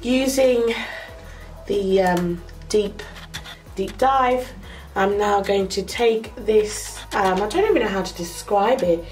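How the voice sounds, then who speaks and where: A makeup vlogger records in her small bedroom with the camera close to her face and soft music in the background. Young and nasal from a cold, she speaks at medium pitch with a slightly mellow tone, taking each step slowly in a chatty way with fillers.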